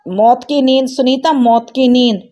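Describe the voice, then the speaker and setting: Woman voicing an enraged young husband. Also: high voice. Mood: anguished. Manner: shouting, accusing, fast bursts. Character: furious grieving young husband, son confronting mother.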